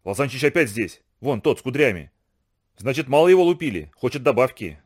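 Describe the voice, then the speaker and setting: A man voicing an easygoing, cheerful father who jokes calmly, with a lively, wide-ranging delivery. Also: medium pitch. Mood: jovial. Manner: jovial, unhurried.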